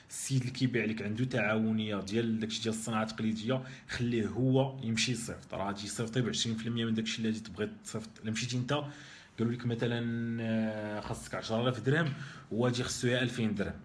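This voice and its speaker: Man, Moroccan Arabic accent, live stream host, extremely fast, emphatic, repeats himself, casual Q&A. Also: lowish voice, slight background noise. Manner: rapid, repetitive and emphatic, often restarting phrases. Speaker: live stream host answering viewer questions.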